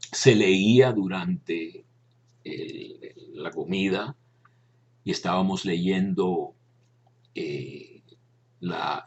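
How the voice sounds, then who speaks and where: Showing old photographs, a former Dominican friar from Cuba recounts memories of his time as a friar in a slow, unhurried way, pausing often and restarting with fillers. He's an older man with a Cuban Spanish accent and a lowish, slightly rough, a little mellow voice, and the recording sounds muffled.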